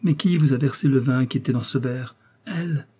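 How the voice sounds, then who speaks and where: A stern, brooding nobleman speaks with grave intensity, as a male reader plays him. His voice is dark and mellow with a husky texture. It is only slightly raised from the reader's own. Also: mid-range voice, fairly quick, close to an everyday voice. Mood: grave dread.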